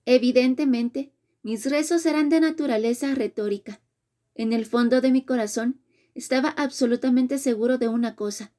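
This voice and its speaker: A woman narrating a romance audiobook in the first person with a measured, dramatic reading. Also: high voice, mellow.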